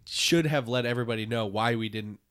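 A man's voice: mid-range voice, fairly quick, a bit bright, clear, resonant tone. A man trading casual jokes as a podcast co-host. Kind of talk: casual comedic banter.

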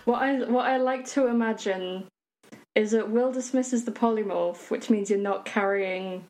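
Female game master, medium-pitched voice, casual tabletop narration. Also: measured pace, darkish tone, poor audio.

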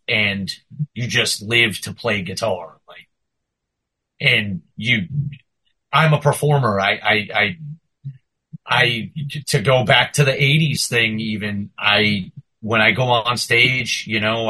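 A man with a bright, forceful voice talks as a podcast guest musician. He rambles and tells stories in a relaxed, chatty way. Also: lowish voice, rough recording. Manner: rambling, animated storytelling. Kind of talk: casual podcast chat.

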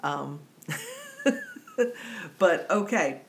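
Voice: mid-range voice, wildly swooping pitch, drawn-out words. A podcast co-host with a New Jersey accent in casual, digressive chat who laughs easily.

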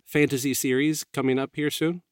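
Man, interview host, friendly, punning, middle pitch, dry close sound. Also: level tone, a little fast, no echo. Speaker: podcast host. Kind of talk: casual interview hosting.

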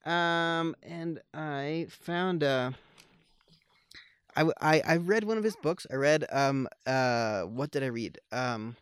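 Podcast co-host, male: easygoing rambler, smooth and resonant voice, close and dry. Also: fairly high pitch, slow pace, no room sound. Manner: rambling, with many fillers and restarts; joking, wry. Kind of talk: casual conversational film chat.

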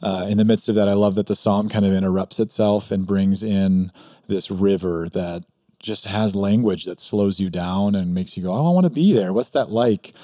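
A man's voice: low voice, flat delivery, moderate pace, mellow, dry recording, clean studio sound. A man, a pastor and podcast co-host, talking reflectively in casual chat with frequent restarts.

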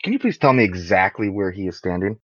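A man's voice: low voice, sing-song, fast, a bit bright, breathy edge, dry recording. A man playing a tabletop game, eagerly planning spells and moves. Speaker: player. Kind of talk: casual tabletop game play. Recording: dull lo-fi.

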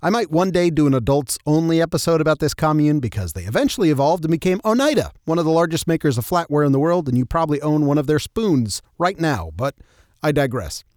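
A man with a slightly high voice tells a story as a true crime narrator would. The delivery is scripted yet wry, with tongue-in-cheek humor, and the sound is close and dry. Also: expressive, fast, darkish tone, dry recording. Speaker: narrator and host of a history show.

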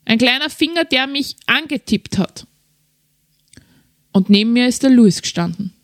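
A woman's voice: fairly high pitch, expressive, normal speed, no room sound, clean studio sound. A middle-aged woman telling a confessional personal story as a podcast host, drawing out key words for drama. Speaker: podcast host and keynote speaker.

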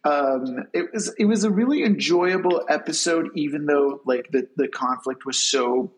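A man's voice: a little high, moderate pace. A man co-hosting a podcast, musing aloud with questions and loose, restarting phrases. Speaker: podcast co-host. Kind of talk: casual chat reviewing a TV episode.

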